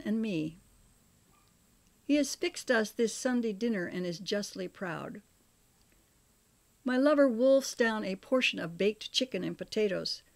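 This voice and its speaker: A woman's voice: medium pitch, gravelly. Older woman reading her own memoir. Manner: measured, expressive reading. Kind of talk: audiobook memoir narration.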